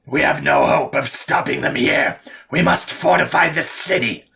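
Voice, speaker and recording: A man voicing a ruthless reptilian alien overlord woman, who barks orders in a deep, raspy voice. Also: normal speed, sharp tone, exaggerated voice. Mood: commanding.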